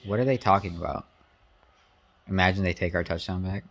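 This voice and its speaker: With a deep voice and a fairly quick delivery, this guy calls out his live takes on a sports game, full of slang and opinion, bouncing from hype to griping. The sound is lo-fi.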